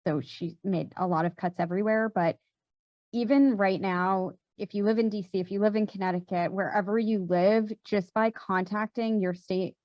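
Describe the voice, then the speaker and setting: A woman's voice: medium pitch, steady tone, moderate pace, dry recording, dull audio. A woman answering on a panel discussion, talking conversationally with many fillers and restarts. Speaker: panelist, gun safety volunteer. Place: event hall.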